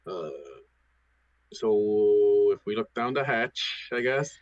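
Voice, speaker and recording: This player's voice is lowish and unhurried as he talks through a tabletop game, full of fillers and sentences that trail off. His lo-fi mic gives a dull, dry sound with no echo.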